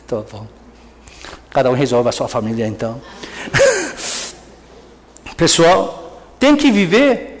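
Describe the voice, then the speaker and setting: A male pastor preaching a sermon, acting out quoted speech and dropping to soft murmurs for prayers. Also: a little high, huge pitch swings, slow, long pauses, slight background noise. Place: church. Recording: long reverb of a church hall.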